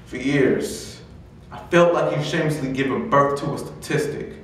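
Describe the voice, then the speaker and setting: A young man from Detroit reciting confessional spoken word poetry in an earnest, measured, dramatic way. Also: mid-range voice, fairly bright tone. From Detroit, United States. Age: young adult. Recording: roomy echo, distant mic, faint noise.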